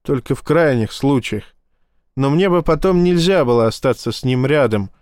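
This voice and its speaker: A man's voice: mid-range voice, animated, moderate pace, a little mellow, dry recording, clean studio sound, close to an everyday voice. A man voicing a tired, resigned woman psychologist in an audiobook. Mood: pained. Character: weary woman ship psychologist, bitter, sad.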